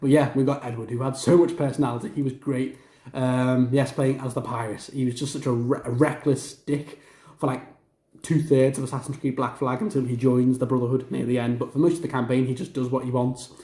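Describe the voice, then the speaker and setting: A man's voice: mid-range voice, little pitch movement, fairly quick, mellow. A man hosting a gaming ranking video, talking enthusiastically and rambling with many fillers and restarts. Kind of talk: casual ranking commentary. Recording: roomy echo.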